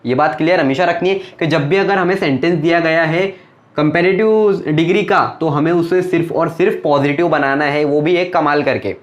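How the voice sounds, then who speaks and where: A young man's fairly high voice comes through lo-fi sound as he teaches grammar at a board at a moderate pace. Patiently explaining, he keeps asking questions and then answering them.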